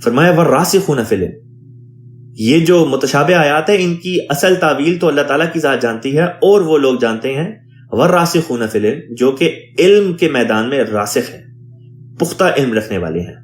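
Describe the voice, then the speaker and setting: A man, an imam, teaching a Quran translation lesson, reading Arabic phrases and explaining each one in a measured teaching tone. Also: fairly high pitch, expressive, echoey room.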